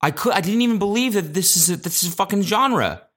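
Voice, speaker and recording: A man hosting a casual solo podcast, talking into a podcast mic in an animated, profane rant that jumps between loud exclamations and low mutters. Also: quick pace, breathy edge. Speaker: podcast host. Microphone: podcast microphone.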